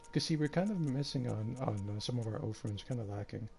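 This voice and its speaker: A man streaming a game live, tired and a bit out of breath, talking in a relaxed, rambling way with lots of fillers. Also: mid-range voice, fast, gravelly, background noise. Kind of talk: casual live-stream commentary.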